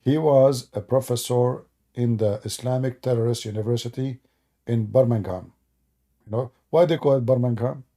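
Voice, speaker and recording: A Middle Eastern man whose native language is Arabic hosts a casual live stream in broken English. His voice is mellow and medium-pitched at a moderate pace, and he answers viewers sarcastically, joking and mocking the chat.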